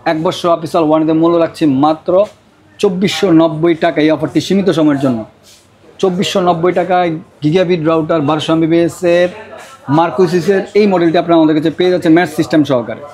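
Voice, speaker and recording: A man with a Bangladeshi accent delivering an insistent hard-sell shop pitch, repeating prices and offers. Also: fairly even intonation, quick pace, darkish tone. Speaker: router seller presenting deals.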